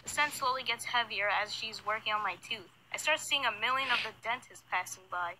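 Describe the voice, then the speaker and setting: A young woman telling a story in a casual, animated scripted narration, in a youthful voice. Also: fairly high pitch, fairly quick. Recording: noisy screen-recorded playback.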